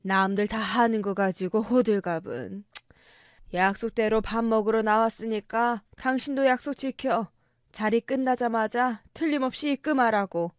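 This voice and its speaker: Woman voicing a harsh drunk husband, shouting and scornful, story radio drama, dry close sound. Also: on the high side, normal speed, clear, resonant tone, dry recording, lightly acted. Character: drunk, violent middle-aged husband, bitter and bullying.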